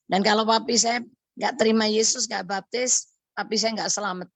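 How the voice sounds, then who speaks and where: A woman's voice: fairly high pitch, normal speed, dry recording. A woman, sharing a personal faith testimony as a radio guest and acting out her own thoughts as she tells it. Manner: earnest storytelling, acts out her own thoughts and quoted lines.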